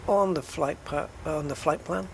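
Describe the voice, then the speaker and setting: Casual male sim streamer, self-deprecating and chatty, creaky delivery over clear cabin drone. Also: fairly high pitch, moderate pace, background noise. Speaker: flight simulator streamer. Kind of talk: casual gameplay commentary.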